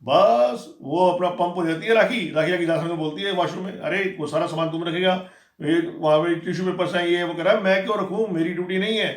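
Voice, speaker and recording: A man giving a casual, animated spoken recap of a reality show episode, acting out what the contestants said. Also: sits high, roomy sound. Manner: rapid, animated retelling, acting out quoted lines.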